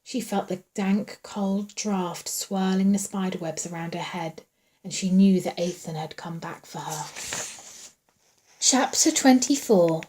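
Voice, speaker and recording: A woman reading a horror novel aloud in a hushed, suspenseful way, dropping at times to a whisper. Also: on the low side, unhurried. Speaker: audiobook reader.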